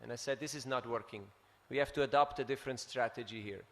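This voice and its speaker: A man from Switzerland giving a scripture class, telling stories in an animated way and tagging his points with "huh?". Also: medium pitch, fast, long reverb tail. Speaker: preacher. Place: temple hall.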